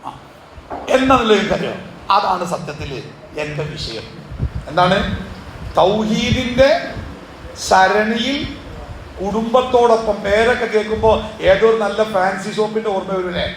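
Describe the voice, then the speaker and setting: A man's voice: high voice, a little slow, pauses often, a little hiss or hum. A middle-aged man giving a storytelling sermon at a family gathering, asking the audience rhetorical questions. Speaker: Islamic speaker. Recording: echoey hall.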